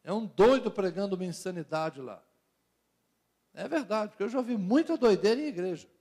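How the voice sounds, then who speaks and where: A man's voice: sits high, lively intonation, a little fast, a little mellow. A middle-aged man with a Brazilian Portuguese accent, a pastor giving a sermon to young people, speaking conversationally with jokes and repeated phrases. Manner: conversational preaching with jokes and rhetorical repetition.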